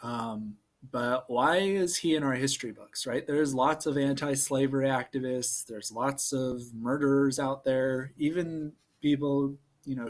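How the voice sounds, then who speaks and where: A man in his thirties talks through a history lesson on video. His delivery is casual and playful, and he cannot quite keep a straight face at his own puns. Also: mid-range voice. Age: 30s. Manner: joking, laughs at his own corny puns. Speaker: social studies teacher.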